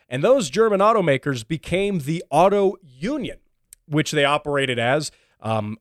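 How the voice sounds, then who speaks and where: A man's voice: fairly high pitch, dry recording, studio quality. A man hosting a casual commentary show, talking in a chatty, wry way with plenty of fillers and restarts. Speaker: show host.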